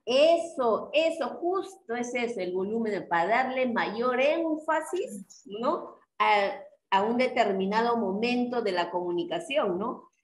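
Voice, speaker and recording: A woman with a Peruvian Spanish accent teaches an online class at an unhurried, deliberate pace. Her voice is a touch high and carries a roomy echo. She keeps asking her students questions as she explains. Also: expressive.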